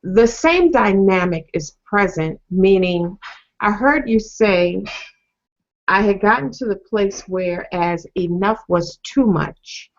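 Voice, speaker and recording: A woman's voice: mid-range voice, expressive, slow pace. A woman hosting an interview, asking searching, rambling questions with many fillers. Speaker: host. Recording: dull lo-fi sound.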